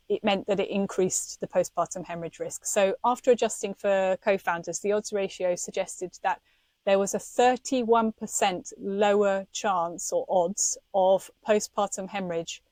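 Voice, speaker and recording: A woman's voice: medium pitch, a little mellow, dry recording. Impassioned woman podcast host. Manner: impassioned, indignant, laughs often. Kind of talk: passionate podcast chat.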